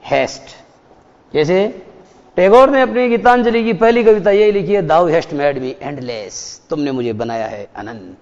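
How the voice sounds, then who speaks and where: High-voiced man teaching a class. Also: a little mellow. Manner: explains and quizzes students, repeating key points. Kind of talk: classroom lecture. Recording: dull echoey hall.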